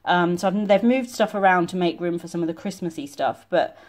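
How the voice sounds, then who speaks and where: A woman's voice: fairly low pitch, a little fast, a little mellow. A middle-aged woman from the States chatting casually through her grocery haul in a home kitchen, rambling with lots of ums. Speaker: vlogger doing a grocery haul. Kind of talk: casual chat over products.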